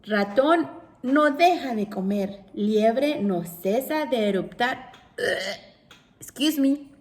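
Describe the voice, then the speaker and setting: High, slow woman reading a story to kids. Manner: animated, asks the children questions. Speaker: teacher reading a picture book aloud. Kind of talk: storybook read-aloud for children.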